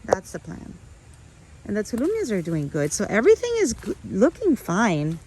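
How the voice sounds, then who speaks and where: A woman's voice: medium pitch, wildly swooping pitch, normal speed, a little mellow, breathy edge, poor audio. A middle-aged woman giving a chatty walk-and-talk vlog in her outdoor garden, talking to viewers with restarts and asides. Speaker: orchid grower vlogger. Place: outdoor orchid garden on a windy morning.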